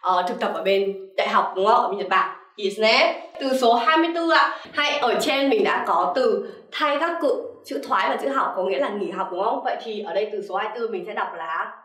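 During a Japanese vocabulary lesson, the young teacher refers to herself as sensei and often checks with "right?". Her medium-pitched voice is fairly bright and a little fast. She is recorded from a distance, off-mic, in a room with echo.

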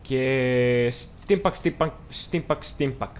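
A man's voice: mid-range voice, a little hiss or hum. A man with a Greek accent giving chatty, joking let's-play commentary, talking to the game's characters as he plays. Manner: chatty, jokey, talks to the game characters. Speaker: gameplay commentator.

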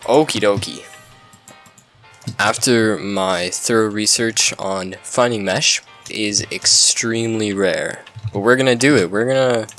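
A man's voice: fairly low pitch, measured pace, hardly any pauses, fairly bright tone. A young man giving casual, self-mocking commentary over his own gameplay, breaking into yelps and laughter when things go wrong. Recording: faint music behind.

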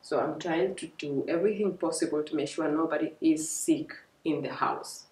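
A woman's voice: sits low, moderate pace, noisy background. A young woman, a working mother, chatting casually in a vlog and explaining step by step with fillers. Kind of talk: casual vlog talk to camera. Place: home, indoors. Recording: echoey room, mic at a distance.

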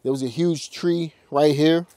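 In a casual walk-through video, a real estate investor addresses viewers directly, using many fillers and restarting often, moving from outdoors at a house into a car. He speaks at a measured pace in a warm, fairly high voice with fairly even intonation, with no room sound.

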